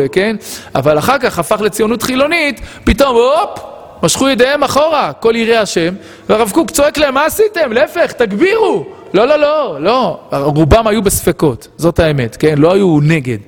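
A rabbi preaching an impassioned sermon, firing off rhetorical questions and scolding his listeners. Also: high-pitched. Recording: long hall reverb.

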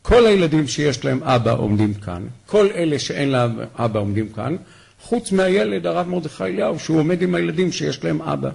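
A man with a slightly raised, gravelly and husky voice gives a memorial talk. He tells heartfelt stories about his late rabbi with lively, animated storytelling. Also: a little high.

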